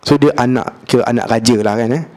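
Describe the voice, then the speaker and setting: A man's voice: medium pitch, quick pace. A man with a Malaysian accent giving a religious lecture, telling a story with humor, acting out the dialogue and mixing in English words. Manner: lively, humorous, acts out dialogue; colloquial, mixes in English words. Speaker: preacher.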